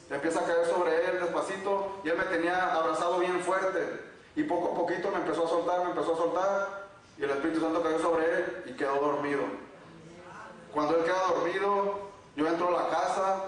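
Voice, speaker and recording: High-voiced preacher in echoey church. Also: male voice, a bit bright. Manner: repetitive storytelling, earnest. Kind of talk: sermon testimony. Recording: very echoey, from far off.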